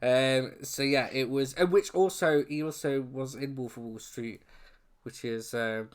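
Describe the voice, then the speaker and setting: A man's voice: medium pitch, fairly even intonation, a little slow. A man co-hosting a casual film discussion in a chatty, informal way, with slightly unclear R sounds. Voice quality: trouble pronouncing his R's. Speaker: co-host of a film review show.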